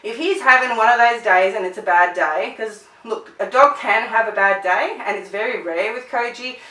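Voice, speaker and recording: A middle-aged woman explains dog training in a chatty, hands-on way, often checking in with "right?". Her voice is bright and clear, and she sounds a little away from the mic in a room with a roomy echo. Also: fairly high pitch, normal speed, far from the mic. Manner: conversational, checks in with frequent "right?"; acts out commands in sharp bursts. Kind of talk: instructional talk to clients.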